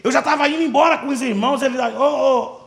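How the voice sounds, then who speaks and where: A man with a Brazilian Portuguese accent, a pastor preaching a sermon and telling a story with animated, dramatic delivery. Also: very high voice, racing, echoey room.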